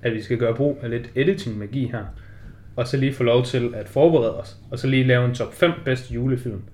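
A man's voice: mid-range voice, darkish tone. Danish man chatting casually as podcast co-host. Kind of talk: casual film chat.

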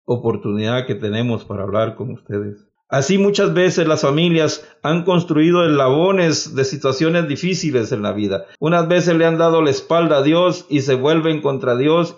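A man's voice: fairly high pitch, moderate pace, muffled recording. Fervent male preacher exhorting his listeners.

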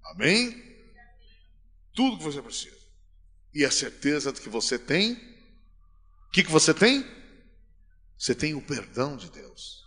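Lively preacher man, echoing hall. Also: a little high, measured pace, long pauses. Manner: preaching with swings from soft to loud, calls to the congregation. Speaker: pastor. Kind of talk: sermon. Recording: long hall reverb.

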